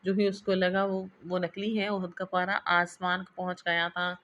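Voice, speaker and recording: A woman reading a romance novel aloud in steady storybook narration. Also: lowish voice, normal speed, lo-fi sound. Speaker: novel reader.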